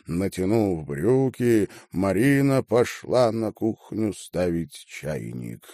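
A man narrating an audiobook in a deliberate, measured way. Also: sits low, very animated, dark tone, no echo, clean studio sound. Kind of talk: audiobook reading.

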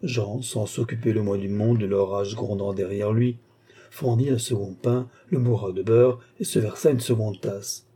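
A man narrating a classic novel in an even, measured reading. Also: fairly low pitch, husky. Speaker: audiobook narrator.

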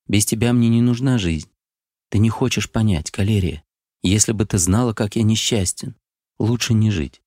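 A man's voice: fairly low pitch, normal speed, a little mellow, no room sound, clean studio sound, pitched above the performer's own voice, natural voice. A man reading an audiobook, voicing a passionate, desperate young man who pleads with feeling. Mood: pleading. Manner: pleading, impassioned.

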